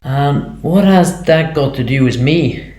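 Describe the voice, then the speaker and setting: A man's voice: on the high side, slow, background noise. A man playing a teacher in a homemade drama, earnest and quoting literature aloud. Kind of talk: amateur video drama. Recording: echoey room.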